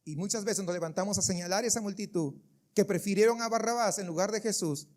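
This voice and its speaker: During a church service, a man serving as pastor preaches emphatically, packing his sermon with rhetorical questions directed at the congregation. His voice is high with a darkish tone, and he talks quickly.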